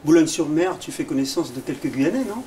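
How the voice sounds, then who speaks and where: A man's voice: on the high side, animated, fast, warm tone, a little hiss or hum. A man interviewing a guest in a casual, familiar way. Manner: friendly, familiar questioning.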